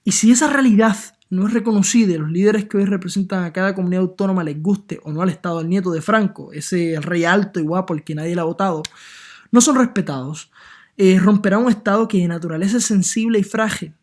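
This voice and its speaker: A man's voice: sits high, fast, darkish tone. A man from Puerto Rico with a Puerto Rican Spanish accent, giving an earnest opinion monologue full of hesitations and filler sounds. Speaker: political commentator.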